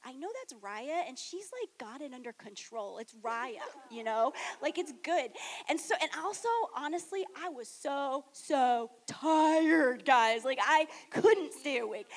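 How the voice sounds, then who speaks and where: A youth director telling funny stories on a panel, animated and laughing, acting out what others said. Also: female voice, high-pitched. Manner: animated, laughing, acts out quotes. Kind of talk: casual storytelling on a panel.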